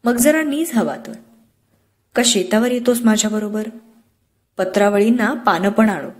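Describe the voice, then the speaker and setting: A woman voicing a strict village father who speaks in sharp, demanding questions. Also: mid-range voice, measured pace, natural voice. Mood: softened. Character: angry strict village father, middle-aged man.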